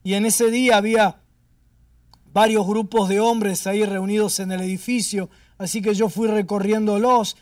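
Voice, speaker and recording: A man preaching a storytelling sermon, now raising his voice, now dropping to a hush. He sits some way off from the mic, in a dry room with little echo. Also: sits high, little pitch movement, normal speed, distant mic. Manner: emphatic, swinging between raised and hushed delivery. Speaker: pastor.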